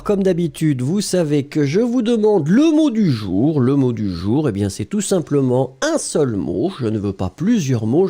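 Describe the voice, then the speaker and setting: A man teaching French in a live lesson, reading viewers' comments aloud in a playful way and laughing often. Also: mellow. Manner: playful, laughs often, exaggerated pitch swings.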